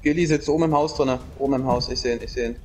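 A man's voice: medium pitch, fairly even intonation, very fast, a little mellow. A man talking in coarse slang to teammates in a casual gaming voice chat. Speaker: gamer, squad teammate.

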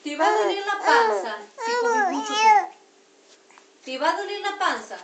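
A mother with an Argentine accent talking to her baby at home, coaxing her sweetly and scolding her gently. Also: extremely high pitch, expressive, normal speed. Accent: Argentine Spanish. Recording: roomy, distant, noisy home video.

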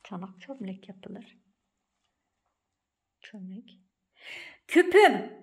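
A woman hosting a casual home vlog, talking to viewers and her daughter in an animated, exclamatory way, with a playful scolding tone. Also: mid-range voice, moderate pace. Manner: switches to a cooing baby voice for the cat. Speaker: vlog host and mother. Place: home indoors.

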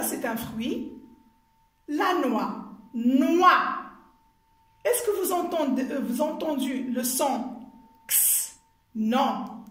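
A woman teacher giving a recorded phonics lesson, slowly spelling out and repeating sounds and syllables. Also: high voice. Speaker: primary school teacher. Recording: echoey room.

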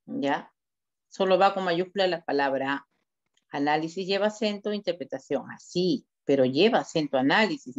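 Lady teacher correcting students on a video call, firm and to the point, kinda muffled lo-fi sound. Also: fairly low pitch. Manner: direct, corrective, gives step-by-step instructions. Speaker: teacher reviewing student work. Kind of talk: online class feedback. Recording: dull lo-fi video call audio.

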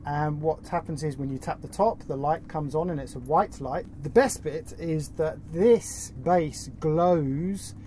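A faint outdoor hiss runs beneath this middle-aged man's voice as he sits in the cockpit of a sailboat, eagerly showing off his favourite boat gear in a chatty way for his sailing vlog, which he co-hosts. He speaks unhurriedly with few pauses, his pitch fairly high and his tone dark.

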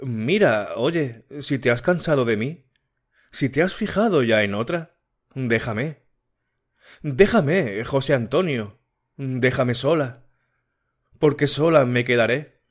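A man's voice: medium pitch, expressive, slow pace, pauses often. A man voicing a sickly, tearful young woman in an audiobook, pleading with her fiancé. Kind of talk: audiobook character reading.

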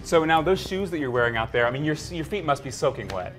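A man's voice: fairly high pitch, big pitch swings, fast talker, a bit bright, soft background music. A man in his thirties hosting a broadcast interview in a TV studio on a lapel mic. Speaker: TV host. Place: indoor TV studio.

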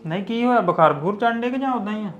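A woman's voice: medium pitch, expressive, muffled recording, slight background noise, lightly acted. A woman playing a practical relative who questions and advises in a family drama. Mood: brisk. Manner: brisk, questioning.

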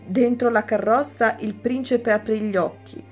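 A woman teacher reading a children's story aloud, slow and clear. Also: fairly high pitch, steady tone, soft background music.

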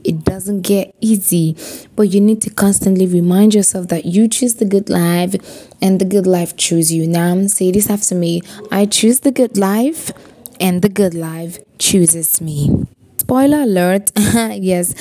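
A woman speaks to her viewers in a motivational vlog, warm and mellow in tone. She preaches with emphasis, hammering phrases again and again. She also poses rhetorical questions to the listener. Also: mid-range voice. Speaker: motivational vlogger. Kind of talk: motivational talk to camera.

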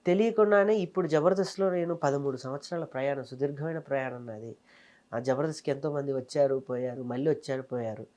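In a casual interview, a man in his thirties from Telangana, India, who works as a comedian and mimicry artist, describes his career. He talks fast and animatedly in a mid-range voice.

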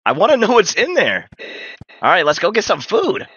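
A man's voice: high-pitched, huge pitch swings, moderate pace, pushed and bright, breathy edge, no room sound, highs cut off. A young man giving casual, joking game commentary in a slangy, profane, playful manner, close on the mic. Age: young adult. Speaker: game streamer. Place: small indoor streaming room.

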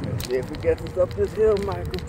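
Man riding a scooter, lively higher-pitched voice, casual coaching chat, heavy roadside noise. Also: a little fast. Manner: excited, whooping, coaching while riding a scooter. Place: outdoors along a roadside, on a moving scooter. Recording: loud wind and traffic noise.

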